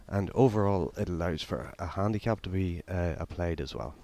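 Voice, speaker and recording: Low-voiced man explaining things plainly. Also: normal speed, vocal fry, dark tone. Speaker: guest co-commentator explaining his own product. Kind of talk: conversational explanation during sports commentary.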